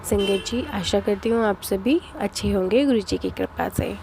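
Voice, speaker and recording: A woman host opens a devotional program with gentle, formal greetings. Her voice is gravelly at a middle pitch. Clear background noise runs under the recording. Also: moderate pace.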